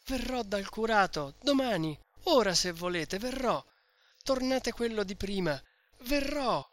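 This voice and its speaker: A man's voice: on the high side, fairly even intonation, a little slow, sharp tone. A man reading a novel aloud, voicing a tearful young woman who pleads through sobs. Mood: tearful pleading. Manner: sobbing, imploring delivery. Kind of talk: read-aloud novel dialogue.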